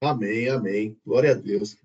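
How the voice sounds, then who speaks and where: A man in a prayer group, chatting and telling a story in an animated way. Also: lowish voice, unhurried, slightly rough, highs cut off. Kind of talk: casual chat.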